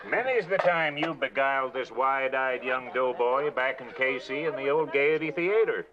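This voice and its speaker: A man plays an older army colonel, folksy and gallant, full of old-fashioned phrases. His voice is a touch high. The sound is muffled, with a crowd murmuring behind. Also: normal speed, natural voice. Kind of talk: 1980s sitcom acting.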